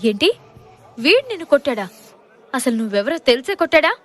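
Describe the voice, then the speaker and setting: Woman doing a ruthless gangster boss man for an audio story, barking threats in a raised, pushed-up voice that sits higher than her narration, with faint music under it. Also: moderate pace, close to an everyday voice. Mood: mocking. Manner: menacing, shouting and mocking.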